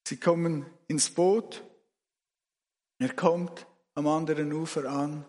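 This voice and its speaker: A man preaching, guiding his listeners through a story in a slow, expressive voice that swings between loud and hushed. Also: fairly high pitch, in a large hall. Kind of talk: guided imaginative sermon.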